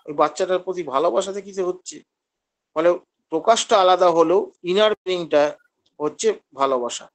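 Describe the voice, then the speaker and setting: A man's voice: high voice, brisk. A man teaching homeopathy in an online class, explaining at length and acting out how patients speak. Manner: explanatory, acts out patients' lines.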